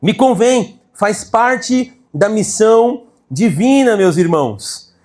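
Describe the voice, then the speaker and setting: A man with a high voice preaching a Sunday sermon. He leans hard on his phrases, slowing down to stress key words. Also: expressive, a little mellow. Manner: emphatic preaching with many slow stressed phrases. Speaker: pastor.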